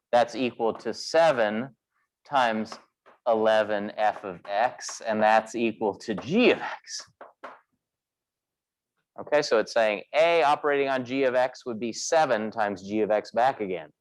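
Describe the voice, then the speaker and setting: A man's voice: on the low side, unhurried. A man teaching a physics class, explaining step by step and asking the class questions as he goes. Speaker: physics instructor. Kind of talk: lecturing in a class meeting. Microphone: recorded class session.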